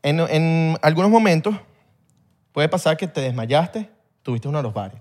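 A man's voice: on the high side, expressive, normal speed, a little mellow. A man, hosting a podcast and explaining a topic in casual, rambling chat full of slang. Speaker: podcast host.

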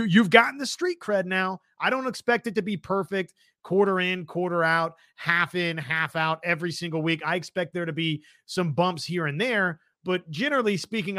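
A man's voice: a little high, bright, forceful tone, no room sound, studio quality. A man co-hosting a sports talk show, giving emphatic commentary and punctuating his points with checking questions. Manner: emphatic, often tags points with "right?". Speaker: sports talk show co-host, media member.

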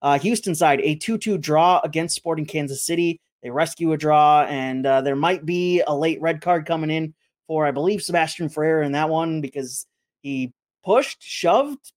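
A man's voice: on the high side, normal speed. An American man hosting a sports podcast, talking through results and upcoming fixtures in a matter-of-fact way. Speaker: sports podcast host and match broadcaster. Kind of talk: sports podcast talk with schedule announcements.

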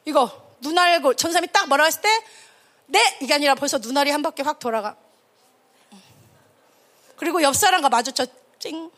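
Emphatic high-voiced woman preacher. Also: brisk, long pauses, a bit bright. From Korea. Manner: emphatic, acts out quotes, rhetorical questions. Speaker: evangelist preaching to a children's camp. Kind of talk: sermon.

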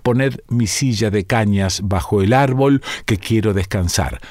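A man's voice: lowish voice, a little slow, darkish tone, no room sound, clean studio sound, natural voice. Man reading as a stern, commanding king. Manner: gives orders, stern.

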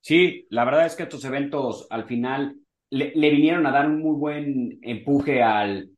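A man's voice: medium pitch, unhurried. A man co-hosting a casual golf podcast, talking in long rambling sentences full of fillers. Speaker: podcast co-host.

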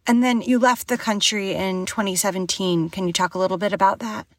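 A woman's voice: mid-range voice, steady tone, a little fast, no echo, studio quality. A woman hosting a podcast interview, putting prepared questions to guests.

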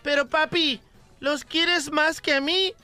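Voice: high voice, fairly even intonation, takes it slowly, sharp tone, soft background music. A radio co-host telling a joke and egging the host on. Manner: eggs on the host, tells jokes.

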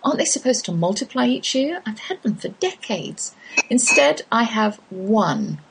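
A woman's voice: on the high side, sing-song, normal speed, background noise. A middle-aged English woman hosting a homeschooling podcast, telling homely stories with wry asides. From England. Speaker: podcast host. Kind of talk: scripted podcast monologue.

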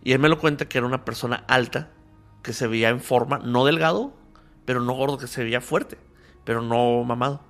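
A man's voice: mid-range voice, brisk, faint music behind. A man with a Mexican accent, a podcast guest telling a story in casual conversation and acting out both sides of the dialogue he remembers. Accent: Mexican Spanish.

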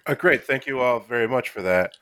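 A man's voice: medium pitch, a little fast, fairly bright tone, no room sound. A man hosting a podcast interview, reading a polite and formal introduction before he questions his guests. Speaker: podcast host.

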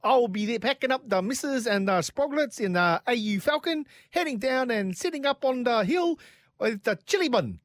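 A man voicing a cheerful male motorsport fan with a New Zealand accent, in a high, bouncy put-on voice. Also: expressive, moderate pace, no echo, clean studio sound. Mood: excited. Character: cheerful Kiwi bloke, excited motorsport fan.

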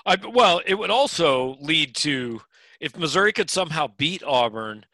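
A man's voice: a little high, expressive, moderate pace, sharp tone, dry recording, rough recording. A man co-hosting a sports podcast in casual chat, with dry, wry humor and frequent restarts.

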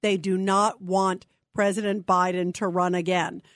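This is a woman with a fairly low voice, speaking a bit slowly in a flat delivery, recorded in a clean studio with no echo. As a radio talk show host, she gives opinionated, conversational commentary aimed straight at her listeners.

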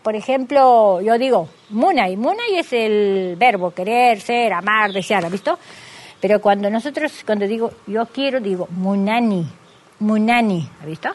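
A woman's voice: mid-range voice, expressive, moderate pace. A woman from Santiago del Estero with a local Argentine accent, explaining patiently as an interviewee and giving examples, often checking in with "¿has visto?". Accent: Santiago del Estero Argentine Spanish. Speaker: interviewee, Quichua teacher. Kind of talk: explanatory conversation.

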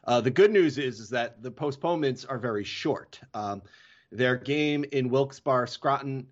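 A man's voice: medium pitch, normal speed, lo-fi sound. A man hosting a hockey podcast in casual chat, often correcting himself mid-sentence. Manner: rambling, self-correcting.

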